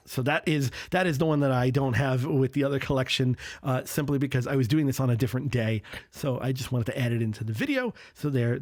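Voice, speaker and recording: A man's voice: medium pitch, darkish tone, no room sound, studio quality. A man hosting his own channel, giving an enthusiastic, casual review of small pens, often repeating words as he talks.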